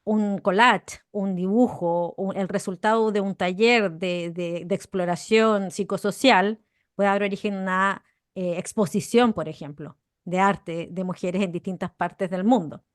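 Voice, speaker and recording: A woman co-host talks in a lively, conversational way, leaning hard on the words she wants to stress. Her voice sits at an ordinary middle pitch. The recording is close and dry, with almost no room sound. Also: measured pace, dry recording. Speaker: podcast co-host. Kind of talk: conversational explanation.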